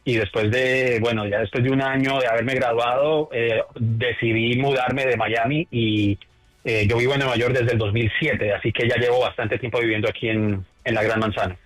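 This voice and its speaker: A man from Colombia speaks as a political analyst in a radio interview. He is thoughtful and hesitant, pausing on fillers, his voice at a mid pitch. The sound is dry and close, with no room echo. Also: steady tone, a bit bright. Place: New York.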